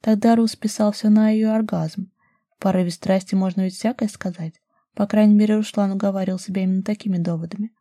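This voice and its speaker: A woman reads a novel aloud in an even, steady storytelling way. Her voice is very dark and mellow with a husky grain. The sound is close and dry, with no room echo. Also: mid-range voice, quick pace. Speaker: audiobook narrator. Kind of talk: scripted narration.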